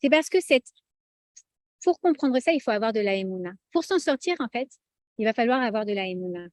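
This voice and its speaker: A woman teaching a lively religious lesson to an audience, chatty and animated, often checking in with the audience. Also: a little high, fairly quick, no echo, studio quality.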